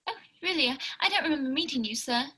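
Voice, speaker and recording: A woman playing a genial, chatty English gentleman doctor, courteous and a little indignant, in a radio play. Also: high voice, lively intonation, fast. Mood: mildly indignant. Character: genial, mildly indignant English doctor, Holmes's male friend. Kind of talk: 1940s radio play acting.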